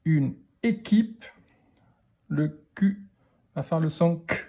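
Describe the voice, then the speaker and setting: A man teaching a phonics lesson to children, speaking slowly and deliberately as he spells out letters and sounds. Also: fairly high pitch, expressive, gravelly, warm tone.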